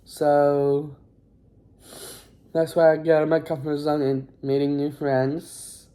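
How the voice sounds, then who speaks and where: A mellow-voiced teen in high school rambles through a casual recap vlog shot on a phone, hesitant and apologetic, with little movement in pitch.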